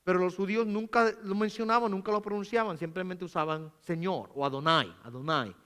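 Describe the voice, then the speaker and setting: A pastor preaches a teaching sermon in church, patiently explaining through rhetorical questions, reading scripture aloud with emphasis, and often saying "¿verdad?". His voice sits high, smooth and a bit bright, at a slightly fast pace.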